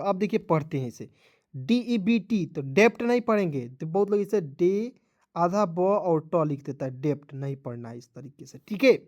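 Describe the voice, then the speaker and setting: A man's voice: high voice, darkish tone. A man teaching English pronunciation in a video lesson, drilling each rule again and again and addressing viewers as friends.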